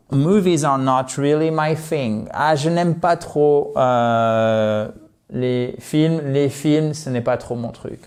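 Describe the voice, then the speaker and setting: Guy teaching english online, talks real slow, jokes around, repeats stuff. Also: on the high side, darkish tone. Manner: playful, jokey asides, repeats words slowly. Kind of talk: online language lesson.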